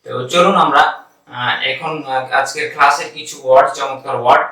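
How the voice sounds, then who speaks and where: A man's voice: mid-range voice, pushed and bright, distant mic. Bangladeshi man drilling words in an echoey room. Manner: repeats each word slowly several times, then gives its meaning. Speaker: English pronunciation teacher. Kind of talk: online language lesson.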